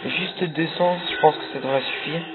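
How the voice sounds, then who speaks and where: A man's voice: on the high side, normal speed, noisy background. A young man giving casual, rambling commentary over his own gameplay, with many fillers and restarts. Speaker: gameplay video creator. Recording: tinny lo-fi capture with loud game music. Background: game music.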